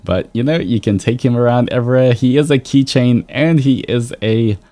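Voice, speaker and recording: Chatting casually and rambling to his viewers on a livestream, this VTuber host speaks in a warm, mid-range voice at a normal speed. Background music plays throughout.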